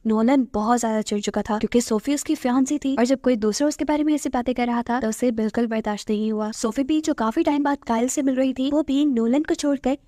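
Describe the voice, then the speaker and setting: A woman with a Hindustani accent retelling a film's plot in steady, brisk scripted narration, with Urdu words mixed in. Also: on the high side, no echo, clean studio sound. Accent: Hindustani (Hindi-Urdu). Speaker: movie recap narrator.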